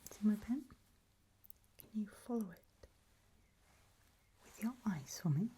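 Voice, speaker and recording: A woman voicing a gentle, eerie undead guide in an ASMR role-play, slow and patient, with a breathy, husky soft voice as she softly gives instructions. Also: mid-range voice, expressive, heavily acted. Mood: patient, coaxing.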